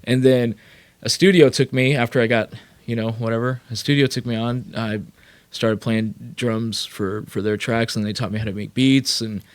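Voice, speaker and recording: A man from California, a rapper and producer, telling his career story as a podcast guest in a loose, animated way full of fillers and swearing. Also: mid-range voice, normal speed, smooth. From Sacramento, California. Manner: animated, profane, lots of fillers. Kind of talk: casual storytelling.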